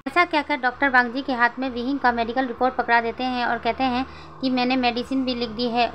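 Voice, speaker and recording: A woman narrating a fan fiction story in a steady, even retelling. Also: on the high side, a little hiss or hum, low-quality recording.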